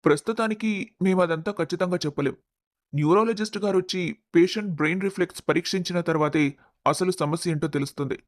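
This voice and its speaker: A man voicing a serious hospital doctor in a storybook, giving bad news in a measured, formal way. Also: high voice, no room sound, natural voice. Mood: grave. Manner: grave, formal. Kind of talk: storybook voice acting.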